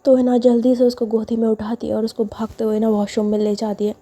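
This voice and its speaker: A woman's voice: on the high side, monotone, fast talker, dark tone, soft background music. A woman telling a love story in a chatty, casual way, with many fillers. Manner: chatty, repetitive narration with fillers. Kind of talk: casual spoken narration.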